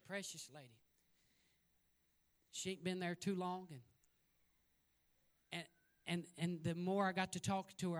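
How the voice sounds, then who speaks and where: A man preaching a sermon as an evangelist, telling a folksy story and building to loud exhortation. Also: high-pitched.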